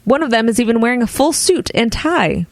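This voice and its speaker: A woman's voice: on the high side, lively intonation, fairly quick, dry recording. Giggly woman co-hosting a comedy podcast. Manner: giggly, reads news then riffs. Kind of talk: casual comedic news chat.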